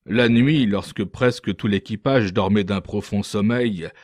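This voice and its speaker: A male narrator reads a classic story in a measured, dramatic way. He speaks slowly in a fairly low voice. The sound is dry and close, with no room echo. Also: a little mellow. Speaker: audiobook narrator. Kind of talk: scripted narration.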